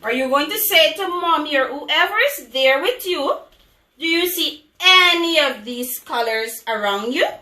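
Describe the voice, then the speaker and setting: A preschool teacher leads a call-and-response lesson for little children in a high, slow, overbright voice full of singsong questions. Her delivery is animated, pushed and bright, like an exaggerated kids' show host. She's recorded off-mic from a distance in an echoey room.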